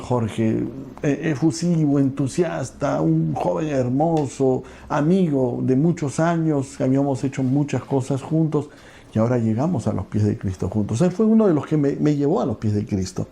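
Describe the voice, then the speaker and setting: Male pastor, gravelly and mellow, earnest sermon storytelling with a quiet prayerful close. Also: mid-range voice. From Peru.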